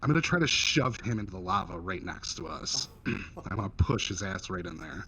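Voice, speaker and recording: A man's voice: low voice, big pitch swings, moderate pace, a bit bright, rough recording. A man chatting casually as a player in a tabletop game. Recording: faint background noise.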